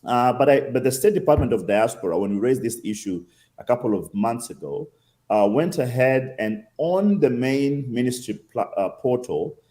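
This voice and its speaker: Kenyan accent guy being interviewed, lively pitch, mellow tone, makes points with questions and repeats. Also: normal speed. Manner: emphatic, uses rhetorical questions and repetition. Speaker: interview guest, consul general. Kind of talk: conversational interview answers.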